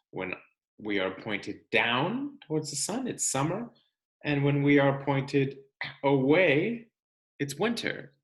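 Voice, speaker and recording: A mid-pitched male teacher reads a children's science book aloud to young students, speaking straight to them with lively intonation that rises and falls as he explains. The recording sounds roomy, with noticeable echo.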